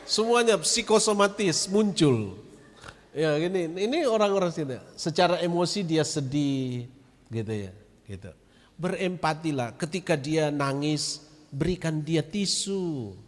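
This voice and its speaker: A man's voice: on the high side, expressive, unhurried. A man, a pastor and grief counselor giving a chatty, direct training talk to church members. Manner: chatty, direct, addresses audience as Bapak Ibu. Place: church hall. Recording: long reverb of a hall.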